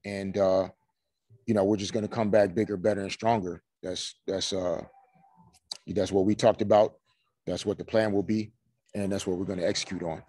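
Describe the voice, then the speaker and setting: Low-voiced, even-toned coach at presser. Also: male voice. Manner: measured, many "you know" and "um" fillers. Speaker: head coach at a postgame press conference. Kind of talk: postgame press conference answers. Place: small room before a team logo backdrop. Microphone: video call webcam.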